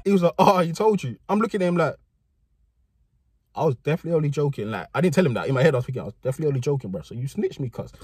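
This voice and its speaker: A man's voice: fairly high pitch, big pitch swings, rapid-fire, darkish tone, husky, no echo, faint music behind. A young man, telling a story in a casual, slangy way and acting out the people he quotes. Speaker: storyteller host.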